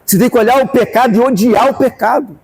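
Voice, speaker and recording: A man with a Brazilian Portuguese accent preaching a fervent sermon as pastor, rising to shouts at times. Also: very high voice, fast, slightly rough, big-room sound.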